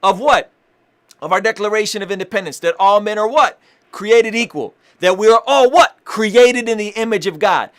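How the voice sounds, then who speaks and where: Man, young adult, impassioned commentary, slightly high voice, fired-up restarts, slangy delivery. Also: moderate pace, fairly bright tone. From Armenian family. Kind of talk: direct-to-camera commentary.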